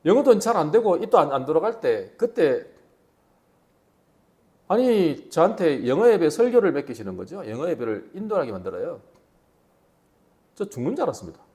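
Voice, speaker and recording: A man's voice: a little high, moderate pace, long pauses. A middle-aged man preaching a sermon as pastor, telling stories with many rhetorical questions in a church. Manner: animated storytelling, rhetorical questions. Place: church sanctuary.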